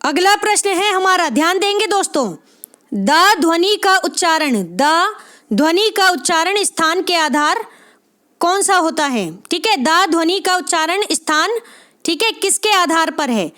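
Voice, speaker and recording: A woman with a very high voice teaches an exam-prep lesson. She is encouraging and keeps checking in with her listeners after almost every phrase. When she goes through sounds, she spells them out slowly, one at a time. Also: animated, pushed and bright. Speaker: Hindi literature exam tutor.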